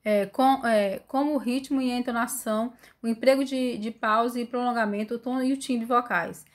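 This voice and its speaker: A woman's voice: a little high, steady tone, moderate pace. A woman lecturer teaching an online class from home, recorded on her phone. She reads long lists aloud and explains them in a loose, spoken way. Her delivery is full of fillers and phrases she breaks off and starts again. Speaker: university lecturer.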